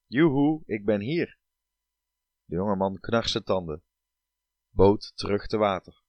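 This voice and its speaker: Man narrating a tale, lowish voice, unhurried and theatrical, dry close sound. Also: dry recording. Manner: slow, playful, dramatic reading. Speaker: storyteller. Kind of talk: scripted story narration. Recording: dry, dull lo-fi recording.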